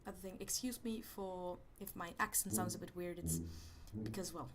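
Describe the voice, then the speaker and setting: In this let's play commentary, a Swedish-accented man plays a goofy persona, stammering, rambling and yelping whenever he's startled. His voice is high and steady in tone at a normal speed, with jumpy exclamations breaking through. Loud game music sits behind him, along with a little hiss or hum.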